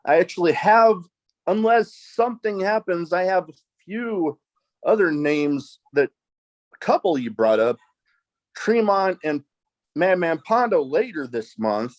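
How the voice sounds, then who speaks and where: A man's voice: sits high, lively intonation, unhurried, dull audio. Hesitant man hosting a podcast. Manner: hesitant, restarts often, fills with "you know". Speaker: podcast host. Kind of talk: casual interview chat.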